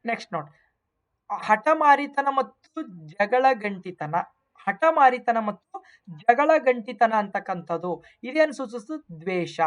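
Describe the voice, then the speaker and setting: A woman's voice: fairly high pitch, sing-song, slow. A woman with a North Karnataka Kannada accent, an exam coaching teacher going over test answers, emphatic, repeating key points and mixing in English terms.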